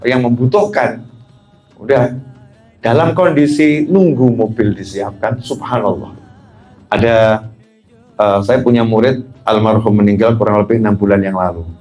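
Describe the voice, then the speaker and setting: A man preaching a relaxed, conversational sermon, telling personal stories with rhetorical questions and playful asides. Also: medium pitch.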